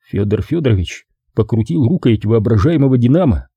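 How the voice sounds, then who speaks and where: A man reading a story aloud as an audiobook narrator, with expressive storytelling delivery. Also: mid-range voice, brisk, slightly rough, dry recording, highs cut off. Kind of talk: scripted narration.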